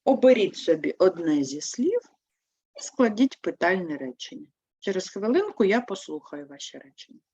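A woman teaches young pupils in a lively, rising and falling voice, fairly low in pitch. She explains each step slowly and clearly, as if dictating. The sound is dry and a little dull. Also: no room sound. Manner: slow, clear dictation-like explanation, answering her own prompts. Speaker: primary school teacher. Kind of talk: online lesson for young pupils.

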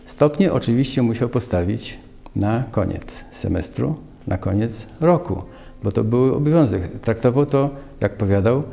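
Older man, gravelly, warm mellow tone, deliberate, thoughtful. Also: medium pitch, lively intonation. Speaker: former student and ship officer. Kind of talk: documentary interview.

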